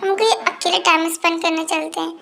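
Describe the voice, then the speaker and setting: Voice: very high voice, fairly even intonation, fairly quick, creaky, noisy background. A young amateur dubber voicing a remorseful young husband in a fan-fiction dub, stammering through tearful apologies. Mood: pleading.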